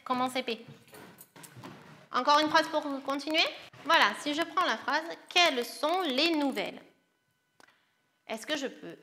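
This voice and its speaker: With a high, bright, pushed voice, a woman teaches a grammar lesson to young primary pupils. She takes it patiently, step by step, and refers to the kids as "les loulous".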